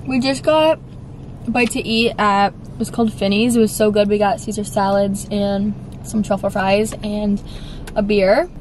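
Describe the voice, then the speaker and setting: A young woman in her twenties vlogging casually in an upbeat, chatty way, often saying "like" and "so cute". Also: mid-range voice. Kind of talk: casual vlog narration. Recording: handheld phone vlog with steady background noise.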